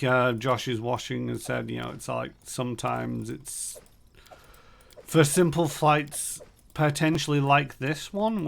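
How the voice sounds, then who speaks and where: A man with a medium-pitched, creaky voice streams a video game, offering casual commentary and thinking aloud with plenty of fillers.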